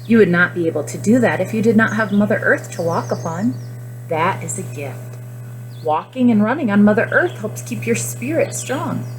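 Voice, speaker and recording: A woman's voice: medium pitch, lively intonation, moderate pace, slight background noise, pitched above the performer's own voice, lightly acted, rough recording. A woman voicing a helpful female storybook rabbit who teaches children about food in an encouraging, instructive way.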